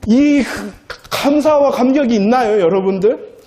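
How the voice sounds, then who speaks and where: A man preaching as a pastor in a church, talking conversationally, then repeating phrases loudly for emphasis. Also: very high voice, unhurried, slight background noise. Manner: conversational preaching, swings from soft asides to loud emphatic repetition. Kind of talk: sermon.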